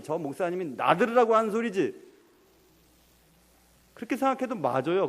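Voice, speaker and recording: A young man preaching a sermon as pastor, quizzing his congregation and pressing them on their answers. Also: sits high. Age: young adult. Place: church sanctuary. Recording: long hall reverb.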